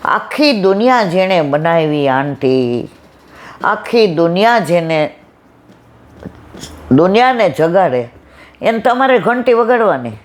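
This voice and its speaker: A middle-aged woman telling a devotional story at a satsang, acting out the dialogue with lively expression. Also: lowish voice, slow, pauses often. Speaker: satsang speaker.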